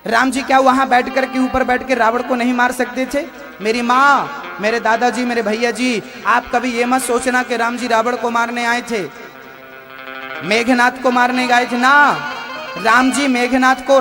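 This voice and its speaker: A man preaching a devotional sermon, asking rhetorical questions and repeating phrases for emphasis. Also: extremely high pitch.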